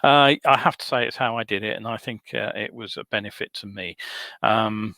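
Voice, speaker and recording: A man hosting a live motorcycle safety webcast, talking in a measured, advisory way with frequent ums and uhs. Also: lowish voice, bright, forceful tone, dry recording. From United Kingdom. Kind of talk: solo live webcast talk.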